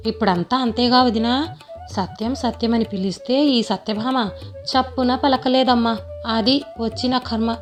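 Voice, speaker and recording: Lady voicing an older village mom griping about her son-in-law, chatty, soft music under it. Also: a little high, fairly even intonation, a little slow, natural voice. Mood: complaining. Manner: chatty, complaining storytelling.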